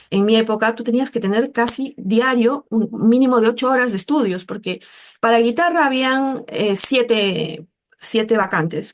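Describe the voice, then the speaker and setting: Middle-aged woman, Peruvian Spanish accent, chatty and animated storyteller, voice sits a little high. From Peru. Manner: chatty, animated, mimics voices in quotes, frequent "¿no?". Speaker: interviewee, artist. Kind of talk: casual interview talk.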